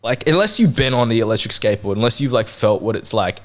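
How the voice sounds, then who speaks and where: A man's voice: medium pitch, animated, quick pace. A young Australian man telling a story in casual podcast chat, laid-back and slangy, full of "like" and "bro".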